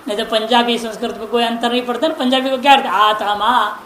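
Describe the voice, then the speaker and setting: A man teaching Sanskrit grammar in a classroom lesson, chanting word forms slowly and correcting pronunciation with repeated examples. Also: very high-pitched, fairly even intonation, a bit bright. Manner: recites word forms in slow drawn-out chants. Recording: echoey room with faint noise.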